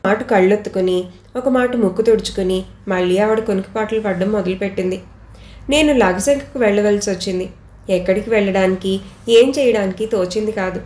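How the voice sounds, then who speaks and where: A woman reading a classic novel aloud as a steady, measured first-person narration. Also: medium pitch, echoey room. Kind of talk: storybook reading.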